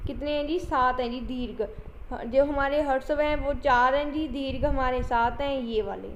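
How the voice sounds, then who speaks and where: A woman's voice: sits high, normal speed. A woman teacher gives an online exam-prep lecture, repeating points and calling her students children. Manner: repetitive, coaxing, addresses students as children. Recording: dull lo-fi audio with faint hiss.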